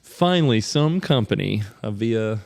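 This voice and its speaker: Chatty animated male podcast host. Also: lowish voice, measured pace, gravelly. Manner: animated, chatty, laughs often. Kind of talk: casual podcast chat.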